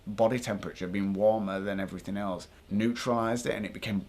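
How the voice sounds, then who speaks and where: Deep-voiced British man, casual vlogger. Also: fairly even intonation, fast talker, a little mellow. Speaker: paranormal investigation vlogger. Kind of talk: casual explanatory vlog talk to viewers.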